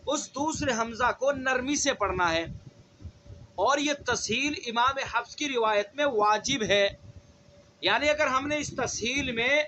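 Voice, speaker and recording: A man teaching Quran recitation in an online lesson, explaining step by step, saying example words slowly and often asking whether the point is clear. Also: very high-pitched, pushed and bright, slight background noise. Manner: explains step by step, repeats words slowly, asks checking questions.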